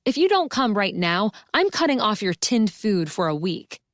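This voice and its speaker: A woman's voice: mid-range voice, big pitch swings, normal speed, dry recording, clean studio sound, natural voice. Woman narrator as an exasperated, scolding woman sleuth. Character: exasperated woman amateur sleuth, cat owner. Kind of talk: cozy mystery audiobook character voice.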